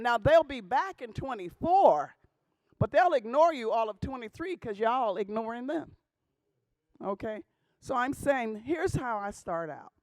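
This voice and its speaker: A woman with a fairly high, slightly mellow voice delivers a forceful talk to pastors, dotting it with rhetorical questions and frequent "okay?" check-ins. There is no room sound.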